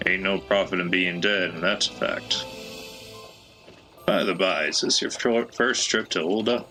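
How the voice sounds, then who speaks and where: A man's voice: low voice, a little slow, pushed and bright, soft background music, exaggerated voice, rough recording. A man voicing a chatty, folksy old male peddler with a put-on American Southwestern drawl, reading game dialogue in character.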